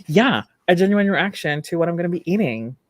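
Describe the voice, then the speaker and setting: A man's voice: high voice, expressive, fairly quick, dry recording. A young adult drag queen co-hosting a live chat show, chatty and gushing, laughing often.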